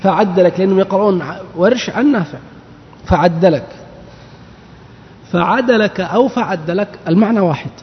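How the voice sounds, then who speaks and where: Raised-pitch male teacher in a big hall. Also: a little hiss or hum. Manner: explains patiently and quizzes the class with questions. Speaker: teacher of Quran exegesis. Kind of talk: religious lesson. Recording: dull recording with long reverb.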